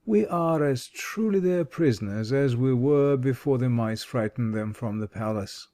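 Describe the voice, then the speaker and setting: A man voicing a calm, thoughtful scarecrow in a storybook reading. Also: mid-range voice, a little slow, close to an everyday voice. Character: calm straw-stuffed man, gentle thinker.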